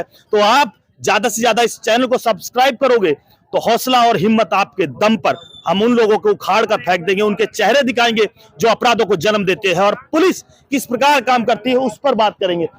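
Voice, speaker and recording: A man's voice: high-pitched, dry recording. A man reporting from a crowded street as a local news reporter, making urgent, dramatic appeals to viewers.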